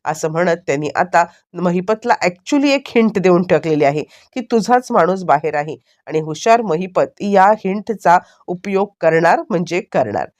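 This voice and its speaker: Low-pitched woman recapping a TV serial. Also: animated, moderate pace, hardly any pauses, a little mellow. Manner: fillers and self-corrections, running storytelling. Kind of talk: casual story recap narration.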